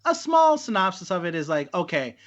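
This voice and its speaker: A man's voice: high-pitched, sing-song, a little fast, fairly bright tone. A man co-hosting a podcast in casual chat, explaining things with many "like" and "uh" fillers. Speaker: podcast co-host. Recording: dull, lo-fi mic sound.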